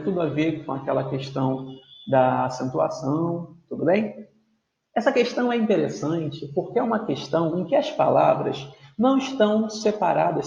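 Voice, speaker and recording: A man's voice: a little high, creaky, darkish tone. A man teaching a grammar video lesson, explaining patiently, drawing out words syllable by syllable and checking in often with his students. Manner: explanatory, drawn-out spelling of words; frequent checking tags like "tudo bem?". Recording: echoey room, dull lo-fi sound.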